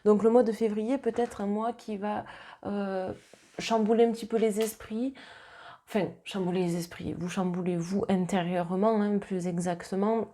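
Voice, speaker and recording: A tarot card reader from southern France speaks in a mellow, medium-pitched voice with a Marseille accent, keeping a steady tone at a moderate pace. Her casual reading is chatty and reassuring, full of fillers and restarts.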